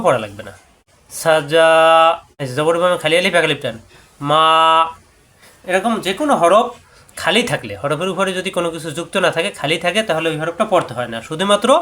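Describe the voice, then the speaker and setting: A man whose first language is Bengali, teaching Quran recitation rules, drawing out each example word slowly and then explaining the rule briskly. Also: on the high side, expressive, a bit bright. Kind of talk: tajweed lesson.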